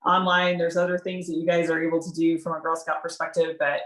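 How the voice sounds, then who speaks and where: A woman's voice: low voice, completely flat delivery, fast, fairly bright tone. A middle-aged woman giving informal interview answers in a conversational, emphatic way, often checking in with "right?". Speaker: corporate community partner being interviewed. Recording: roomy, echoing sound.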